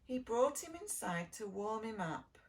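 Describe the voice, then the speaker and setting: Recorded on a distant microphone, a woman leading a preschool reads a children's storybook in a fairly high, slightly mellow voice. She's very animated, with sing-song delivery, dramatic pauses and simple questions for her young listeners.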